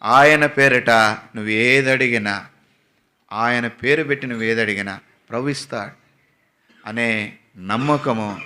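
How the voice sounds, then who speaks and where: A man's voice: medium pitch, a little slow, long pauses, bright, forceful tone, clear, resonant tone. A male preacher at a prayer house giving a fervent sermon, questioning his congregation as he exhorts them. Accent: Telugu. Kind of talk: sermon with sung opening.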